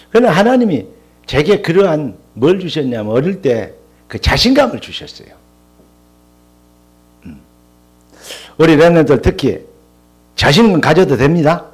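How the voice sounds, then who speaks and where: A man's voice: mid-range voice, slightly rough. An older man, a pastor, preaching a sermon in church and telling stories with quoted dialogue. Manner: animated storytelling with quoted dialogue.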